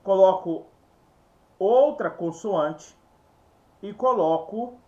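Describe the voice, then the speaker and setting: A man's voice: high voice, expressive, very slow, mellow, dull audio. A man giving an informal Bible lesson, explaining step by step, repeating words and often calling out to his viewers. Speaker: Bible teacher.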